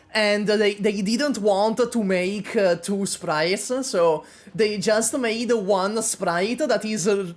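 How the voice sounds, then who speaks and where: A woman casually commenting on a game story she is reading for the first time, chatty and animated. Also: mid-range voice. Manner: animated, chatty, laughs often.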